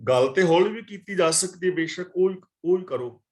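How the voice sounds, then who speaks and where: Man, scripture teacher, fairly high voice, slow verse recitation, word-by-word explanations. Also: expressive. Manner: glosses verse words one by one, slow recitation of lines. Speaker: katha teacher.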